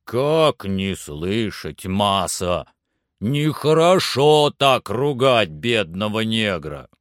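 A man voicing a cautious, grumbling old servant in an audiobook, slow and plaintive. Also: on the low side, big pitch swings, dry recording, clean studio sound, exaggerated voice. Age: older. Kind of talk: audiobook character voice.

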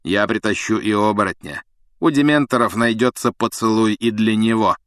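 A man voicing a cruel, vengeful male professor who hisses threats and shouts in rage. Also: lowish voice, moderate pace, no echo, studio quality, lightly acted. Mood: mocking. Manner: hissing menace turning to shouting rage.

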